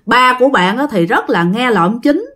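Speaking briskly in a slightly high, somewhat bright, animated voice, a Southern Vietnamese-accented woman shares a ghost story in a relaxed way. She addresses her audience directly, chatting with them and performing the characters' words.

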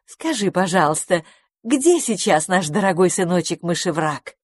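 A woman voicing a kind female spell-caster who speaks gently and soothingly. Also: on the low side, lively intonation, moderate pace, dry recording, studio quality.

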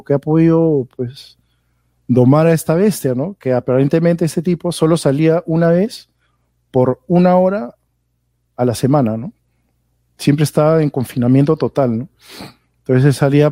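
This podcast guest from Peru has a fairly high pitch, a dark tone, and a Peruvian Spanish accent, recorded with no echo. He tells anecdotes in a casual, rambling way, often ending phrases with "¿no?".

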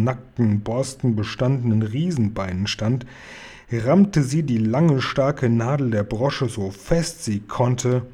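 A man reading a children's book aloud in a lively storytelling way, stretching out key phrases. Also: mid-range voice, husky. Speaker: reader.

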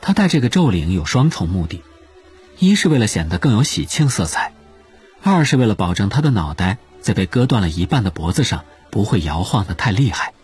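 Low-voiced, animated male audiobook narrator. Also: brisk, slightly rough, soft background music. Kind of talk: expressive scripted storytelling narration.

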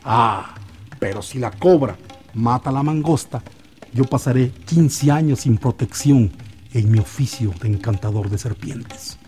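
A man's voice: medium pitch, measured pace, dark tone, faint music behind, voice pushed down, natural voice. A man voicing a crafty, theatrical snake charmer who pleads with a crowd like a street barker. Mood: pleading showman.

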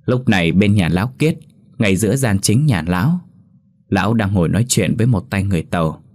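A man narrating a ghost story in a steady, expressive storytelling manner. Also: low voice, fairly quick.

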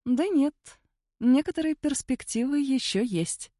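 Playful coquettish young woman in an audiobook, a woman reading her, bright lilting voice, animated. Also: high voice, measured pace, dry recording, studio quality, pitched above the performer's own voice. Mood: teasing.

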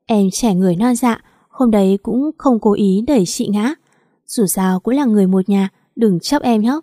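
A falsely sweet, wheedling young sister-in-law, as a woman puts her on in a storybook reading, her voice whiny and a touch mellow. She sounds dry and close to the mic. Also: mid-range voice, moderate pace, dry recording, natural voice. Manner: wheedling, whiny, fake-friendly.

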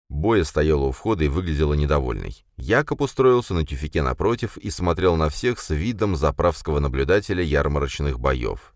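A man with a very deep voice reads a fantasy novel aloud in measured, even scripted narration. The recording is dry and close, with no room sound. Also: no room sound. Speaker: audiobook narrator.

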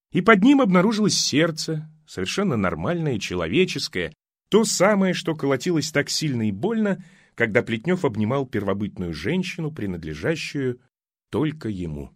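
A man narrating an audiobook in an expressive, dramatic reading. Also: medium pitch, no room sound, studio quality.

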